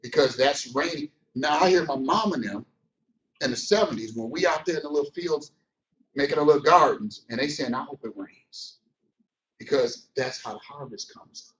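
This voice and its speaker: A man's voice: on the high side, moderate pace. A man giving a motivational business training talk, speaking colloquially and acting out scenes as he tells stories. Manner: colloquial storytelling, animated, acts out scenes. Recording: echoey room, distant, dull.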